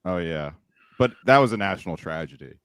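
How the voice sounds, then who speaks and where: A man with a very low, deep voice trades crude jokes and rambling anecdotes on a casual podcast. The sound is dry and close, with no room around it. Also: lively intonation, a little fast, a bit bright, clean tone, no echo. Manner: rambling storyteller, crude joking. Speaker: podcast co-host.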